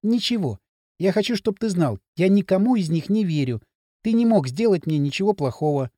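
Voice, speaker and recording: A male audiobook reader voicing a timid, earnest young girl with a soft, pleading manner. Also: high voice, lively intonation, a little fast, no echo, studio quality. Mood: earnest, hurt. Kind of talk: audiobook character voice.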